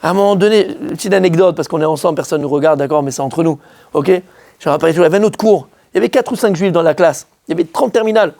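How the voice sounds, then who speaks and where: Animated French rabbi telling a story. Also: male voice, very fast, gravelly. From France. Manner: lively, acts out his own words in a high voice.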